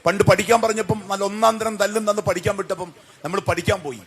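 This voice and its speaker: A male preacher giving a sermon, firing questions at the congregation and swinging from loud calls to soft, low answers. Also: fairly even intonation, quick pace, husky. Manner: call-and-response questions to the congregation.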